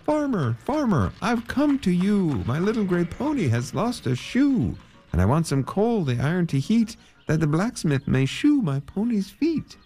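A man's voice: high-pitched, huge pitch swings, a little slow, dark tone, soft background music, voice pushed up, full character voice. A man voicing a worried, pleading pony owner from a children's storybook, in sing-song rhyme. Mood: urgent pleading. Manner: sing-song rhyming pleas.

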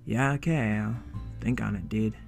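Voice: mid-range voice, fairly even intonation, moderate pace, vocal fry, soft background music, voice pushed down, lightly acted. A storyteller voicing a laid-back young robot who says like, uh and dude a lot. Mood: glum. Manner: slacker talk, full of like and uh.

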